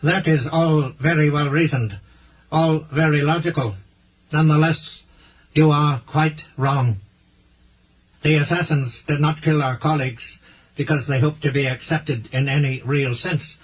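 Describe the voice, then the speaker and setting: A man voicing a stern, formal male alien governor in an audiobook, speaking firmly and with measured weight, husky-voiced. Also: a little high, fairly even intonation, voice pushed up.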